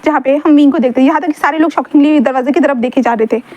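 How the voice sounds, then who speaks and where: A woman's voice: high-pitched, very fast, warm tone, dull audio. A woman casually narrating a fan-fiction story, chatty and informal with fillers.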